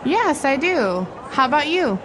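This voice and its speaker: A woman's voice: high voice, very animated, unhurried. A woman playing a polite commuter making small talk in a scripted textbook dialogue, with vehicle noise behind her. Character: friendly woman working in the city. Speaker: dialogue actor.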